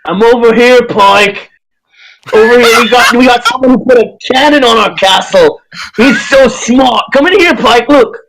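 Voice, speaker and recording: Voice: mid-range voice, normal speed, fairly bright tone, a little hiss or hum, voice pushed up, lightly acted, poor audio. A dungeon master doing a jolly hulking goliath. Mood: boastful, friendly. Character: huge brawny male goliath warrior, cheerful and simple.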